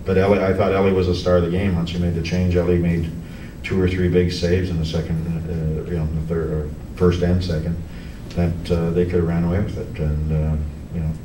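At a post-game press conference, a middle-aged hockey coach answers reporters haltingly, full of fillers and restarts, his voice sitting low and level. He's in a press room before a team backdrop, speaking into a table mic on a stand, but the audio comes from a more distant camera. The room is echoey and there's background noise.

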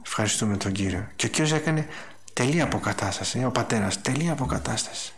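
A man preaching a sermon, telling stories and acting out the dialogue in a raised, animated voice. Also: medium pitch, slight background noise.

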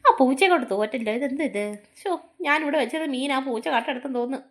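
A woman's voice: high-pitched, fast talker, a bit bright. A woman playing a fretful, scolding mother in a family comedy skit, full of exclamations.

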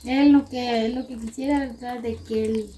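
A woman's voice: fairly high pitch, fairly even intonation, normal speed, dark tone. A young woman chatting casually as a charity host on camera in an open-air yard, recorded from a few steps away. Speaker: charity channel host delivering food aid. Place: open-air covered yard of a rural house. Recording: noisy outdoor camera audio, roosters and birds.

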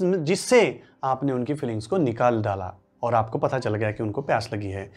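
A man whose first language is Marathi, giving a workshop lecture full of rhetorical questions and repetition. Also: fairly high pitch. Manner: rhetorical questions and repetition, animated rising and falling delivery. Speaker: language teacher.

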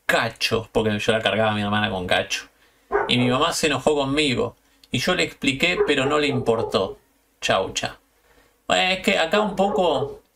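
Gravelly Argentine man telling stories. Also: medium pitch, distant mic, slight background noise. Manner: loose, slangy and profane, animated retelling. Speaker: podcast host. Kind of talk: casual storytelling chat.

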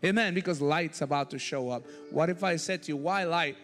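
A man preaching a sermon as pastor, passionate, swinging between loud bursts and hushed lines. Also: a little high, brisk. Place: church sanctuary. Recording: church hall reverb with soft music behind.

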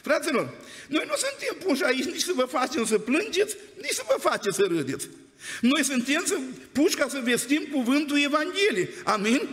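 Guy preaching in church, really high voice for a man, chatty storyteller, big echoey hall. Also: huge pitch swings, fairly bright tone. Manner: conversational storytelling preacher, prompting "amen?". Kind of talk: sermon. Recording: long church hall reverb.

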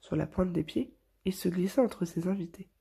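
A woman reading a picture book aloud to children in a soft, hushed storytelling voice. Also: fairly low pitch, moderate pace, gravelly, husky.

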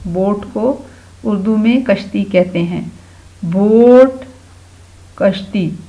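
Brief: Pakistani Urdu-accented woman, children's teacher, slow and patient, some vocal fry, dull lo-fi home recording. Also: mid-range voice. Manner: slow and patient, sounding out letters one by one. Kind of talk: home-school grammar lesson for young children.

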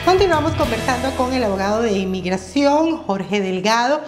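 A woman hosting an interview with a slightly high voice. She asks measured questions and pauses on fillers now and then. The sound is roomy, with faint music underneath. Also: animated. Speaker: interview host. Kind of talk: conversational interview.

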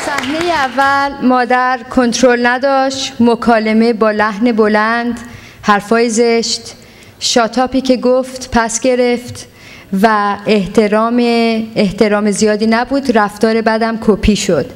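A woman's voice: a little high, steady tone. A woman speaking at a parenting seminar, giving earnest advice and slipping English words into her talk. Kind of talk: seminar lecture. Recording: long hall reverb.

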